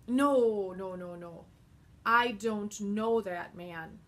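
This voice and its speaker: A woman doing a frightened man protesting loudly. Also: mid-range voice, steady tone, slow, creaky, heavily acted. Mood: denying. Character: frightened adult male disciple denying his friend.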